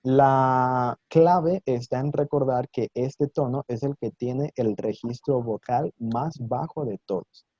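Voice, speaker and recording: A man's voice: medium pitch, slow pace, hardly any pauses, mellow, slightly rough, dry recording, dull audio. A man teaching an online Mandarin lesson in Spanish, patiently explaining and demonstrating tones with exaggerated intonation and encouraging his students.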